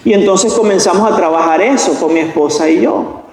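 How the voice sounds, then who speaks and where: A guest pastor preaching a sermon to a congregation, often asking them questions and acting out shouting quarrels in a high, strained voice. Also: male voice, a little fast, creaky. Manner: asks the congregation frequent questions. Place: large church sanctuary. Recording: very echoey church hall.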